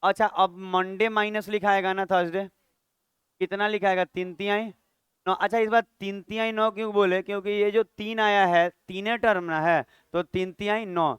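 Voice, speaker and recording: A man leads a maths lesson in a classroom, quizzing students and scolding them when they chat. His voice sits high and sounds crisp. The recording is dry and close, with no room echo. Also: fairly even intonation, normal speed, a bit bright. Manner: scolding, chatty teacher who quizzes students aloud. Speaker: maths teacher. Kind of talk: classroom lecture.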